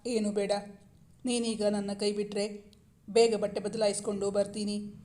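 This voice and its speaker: A woman's voice: medium pitch, little pitch movement, moderate pace, dark tone, lightly acted. Woman voicing a feisty young wife. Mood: mock-scolding. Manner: mock-scolding.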